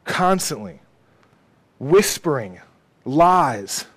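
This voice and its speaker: A man's voice: on the high side, sing-song, very slow, a bit bright, slightly rough. A man preaching a sermon emphatically, asking rhetorical questions and checking in with "okay?".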